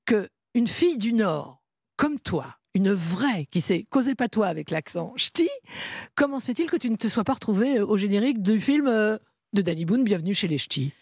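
A woman hosts a radio interview with a slightly husky voice. Her intonation rises and falls a great deal as she asks playful, probing questions. The sound is close and dry. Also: mid-range voice, lively intonation, normal speed, a little mellow, dry recording. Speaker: radio host. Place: radio studio.

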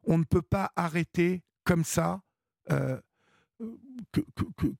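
A man hosting a late-night call-in radio show, talking through advice in a halting way with lots of restarts. His voice sits a little high and has a strong gravelly rasp. The studio sound is dry and close. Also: no room sound. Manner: warm advice, many hesitations and restarts.

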